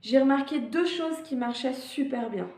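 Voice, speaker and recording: A woman's voice: high-pitched, normal speed, darkish tone, echoey room. A woman vlogger giving casual advice on climbing fears, often hesitant, with fillers and restarts.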